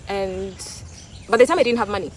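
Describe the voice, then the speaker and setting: Her pitch is medium and her pace a little fast as this young Tanzanian-accented woman, a Swahili speaker using English, gives her opinions in a casual, thoughtful vlog. She tends to repeat herself and restart words, and there is slight background noise.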